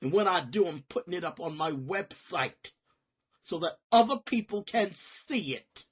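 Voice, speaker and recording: A woman student confronting officials in a disciplinary meeting, defiant and combative, swinging between shouting and low, menacing threats in informal speech. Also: animated, unhurried, breathy edge. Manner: informal, nonstandard grammar.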